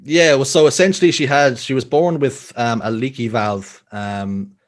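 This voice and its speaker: A young man with a Dublin accent talks in a steady, mid-range voice at a moderate pace as he earnestly tells personal stories on a casual podcast. He often stops and begins his sentences again.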